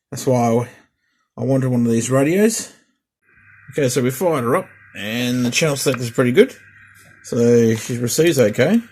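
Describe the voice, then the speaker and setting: An Australian hobbyist vlogger, a middle-aged man, chats casually while unboxing and repairing a radio, rambling with fillers and restarts. His voice is mid-range with a darkish tone.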